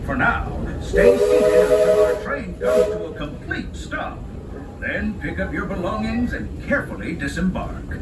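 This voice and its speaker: A cheerful, neighborly railroad guide delivers a folksy theme park ride spiel. His high voice swings up and down, heard from far off through loud train noise. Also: very animated, unhurried, echoey room. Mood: warm, neighborly. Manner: folksy, courteous. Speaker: recorded train tour narrator. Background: train rumble and ride ambience.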